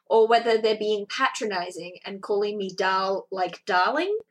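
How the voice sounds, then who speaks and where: A woman with an Australian accent, co-hosting a casual film-discussion podcast with chatty, laughing asides. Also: medium pitch. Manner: chatty, quick to laugh, lots of "like". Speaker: podcast co-host.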